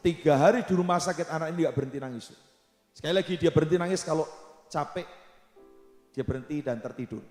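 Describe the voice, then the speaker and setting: Male pastor telling a sermon story, kinda high voice, big echoey church, quiet music under it. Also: fast talker, pauses often. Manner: emphatic, addresses the audience as brothers and sisters. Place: church sanctuary.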